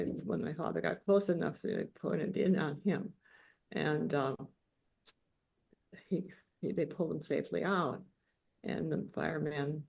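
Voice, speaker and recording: A woman author giving a lecture, telling a personal story in a halting way with many fillers and restarts. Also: deep voice, creaky, darkish tone, husky.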